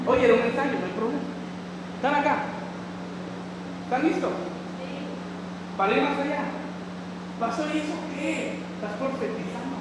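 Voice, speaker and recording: A man's voice: extremely high pitch, very noisy. A male pastor preaching a rousing sermon, calling out to his congregation in a large church. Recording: echoey hall, far from mic. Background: congregation shouting amen.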